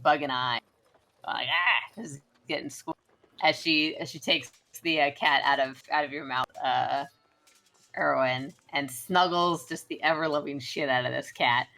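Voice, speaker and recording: A woman's voice: deep voice, steady tone, unhurried, gravelly, pushed and bright. A woman narrating as game master, chatty and giggly with lots of filler words.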